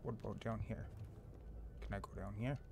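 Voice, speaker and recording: A man's voice: on the low side, steady tone, a little fast, vocal fry, background noise. A young man giving casual commentary as he hosts a video game playthrough. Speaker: gamer, let's play host. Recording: loud game audio behind voice.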